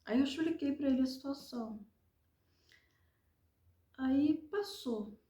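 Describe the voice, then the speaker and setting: A Brazilian woman giving an earnest personal testimony, retelling events in a halting, repetitive way. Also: sits high, dark tone, roomy sound. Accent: Brazilian Portuguese. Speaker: survivor telling her story.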